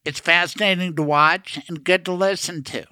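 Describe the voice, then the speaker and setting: Bright, clear-voiced male podcast host. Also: high-pitched, fairly even intonation, moderate pace, no echo, clean studio sound. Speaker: show host. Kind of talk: spoken podcast introduction.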